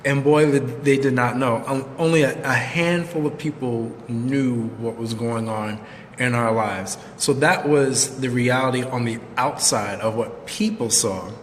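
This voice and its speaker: A man co-hosting a live chat, speaking in an earnest and measured way about personal struggles. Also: mid-range voice, long reverb tail, slight background noise. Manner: measured, heartfelt, speaks in long sentences. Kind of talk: earnest, reflective sharing.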